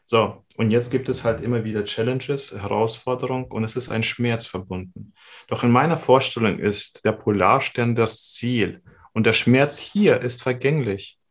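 A man talking as a podcast guest, animated and quick in bursts, in casual conversation. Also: mid-range voice.

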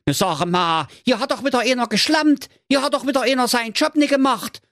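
Aladdin, a man's squeaky brash voice. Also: brisk, a bit bright, dry recording, studio quality. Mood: furious. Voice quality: squeaky, shrill put-on voice. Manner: brash, cursing, indignant. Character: cheeky whiny young fairy-tale man Aladdin.

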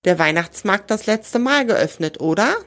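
A woman's voice: medium pitch, expressive, normal speed, a bit bright. A woman doing a cheerful young girl.

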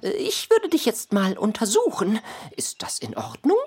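Kopernikus is an excitable, kindly talking tomcat from a children's cartoon, voiced by a woman. His husky voice leaps all over the place in pitch, and it sits a little high. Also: moderate pace, full character voice. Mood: caring. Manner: wildly swooping pitch, husky. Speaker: doctor in play. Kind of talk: children's show acting.

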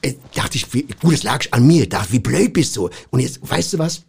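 A man's voice: mid-range voice, animated, normal speed, vocal fry, slightly rough. A man doing comedy banter, telling meandering, muddled stories.

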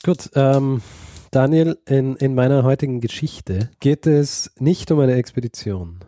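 Mellow-voiced man telling history casually. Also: mid-range voice, measured pace, no echo, clean studio sound. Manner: hesitant, many fillers and restarts, laughs easily. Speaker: podcast co-host. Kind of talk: casual history podcast storytelling.

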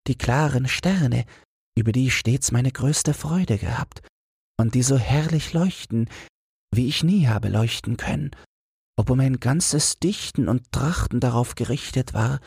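A man's voice: mid-range voice, a little slow, gravelly, darkish tone, husky, dry recording, studio quality, voice pushed up, exaggerated voice. A man voicing a humble old street lantern in a fairy-tale audiobook, fretful and tender. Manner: worried, keeps repeating a single fear.

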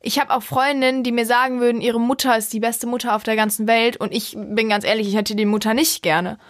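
A woman's voice: fairly high pitch, steady tone, no echo. Argumentative young woman, dry close voice. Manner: argumentative, quick to object, laughs often. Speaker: podcast guest, host's daughter. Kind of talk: casual podcast chat.

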